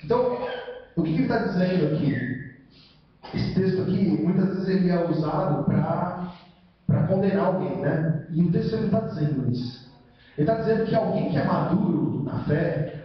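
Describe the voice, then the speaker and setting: A man with a Brazilian accent preaching a church sermon in a conversational way, often tagging "né?" onto his sentences and asking rhetorical questions, then answering them himself. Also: high voice. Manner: conversational, with constant "né?" tag questions. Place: church hall. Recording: echoey church hall, mic far off, dull sound.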